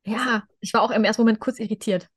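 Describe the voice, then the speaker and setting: A woman's voice: fairly high pitch, fairly even intonation, fast talker, breathy edge, no echo. A young adult woman co-hosting a podcast, talking casually as a fan with English words dropped into her German. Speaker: podcast co-host.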